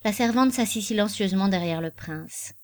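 A woman narrating a literary novel as an audiobook in a measured, expressive reading. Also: medium pitch.

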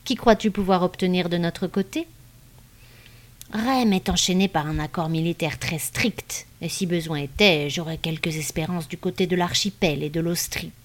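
A woman's voice: fairly low pitch, normal speed, natural voice. A woman voicing a scornful, cruel warlord. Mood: pleased. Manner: scornful and impatient. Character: cynical, cruel male warlord.

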